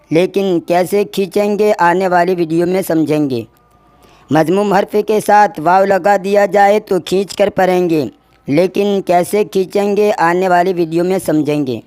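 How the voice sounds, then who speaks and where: Mellow-voiced man drilling letter sounds. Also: high-pitched, clear, resonant tone, no room sound. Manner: slow, deliberate letter-by-letter drilling. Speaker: language teacher. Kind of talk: recorded language lesson.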